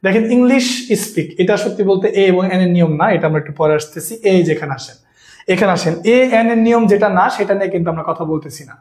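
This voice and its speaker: A male teacher from Bangladesh, running an online grammar lesson. He talks quickly in a high voice and keeps repeating his questions to coax answers from his students. The recording has a roomy echo. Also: darkish tone.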